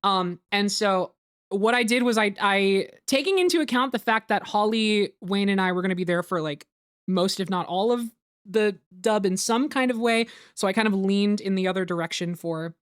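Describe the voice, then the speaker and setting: In a clean studio recording with no echo, a woman hosts a group commentary on a fan dub, explaining things in casual chat and rambling with lots of "like" and some swearing. Her voice is mid-range and her speed normal.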